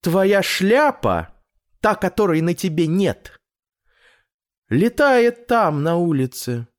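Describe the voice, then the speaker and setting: A man voicing a fussy, chatty male tailor who rambles excitedly. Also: high-pitched, slow pace, voice pushed up, heavily acted. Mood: excitable, chatty.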